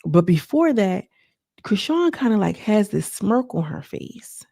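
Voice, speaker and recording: A woman's voice: mid-range voice, very animated, a little slow, vocal fry, warm tone, no room sound, clean studio sound. A woman casually recapping a reality show for her viewers, chatty and gossipy, talking straight to her audience. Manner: chatty, addresses audience as y'all and girl, trailing restarts.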